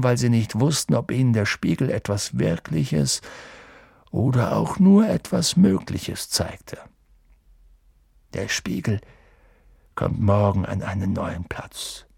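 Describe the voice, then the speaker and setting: A man voicing a kindly, wise old male wizard who speaks softly and unhurriedly, often close to a whisper, in a storybook reading. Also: mid-range voice, gravelly, husky, no echo, pitched above the performer's own voice, exaggerated voice.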